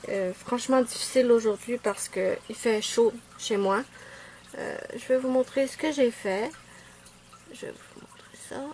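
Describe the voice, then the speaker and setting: A woman chatting casually at home through a nail art tutorial, self-mocking and quick to apologize. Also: a little high, a little mellow, a little hiss or hum.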